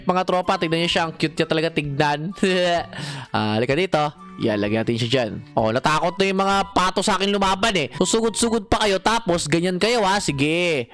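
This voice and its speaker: A young man giving excited gameplay commentary, talking to viewers and his in-game pet with frequent shouts. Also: high voice, normal speed, faint music behind. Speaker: gaming channel host.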